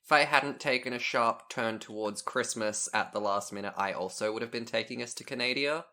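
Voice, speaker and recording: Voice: mid-range voice, fairly quick, pushed and bright. A podcast co-host chatting casually and chiming in with wry, teasing asides.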